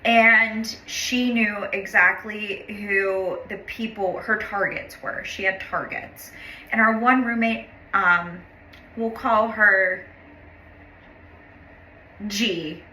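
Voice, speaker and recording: Bright-voiced woman, casual storytime. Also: medium pitch, steady tone, slow, slight background noise. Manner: chatty, heavy use of "like", frequent swearing; blunt and exasperated when describing others. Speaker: vlogger telling a personal story. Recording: roomy echo.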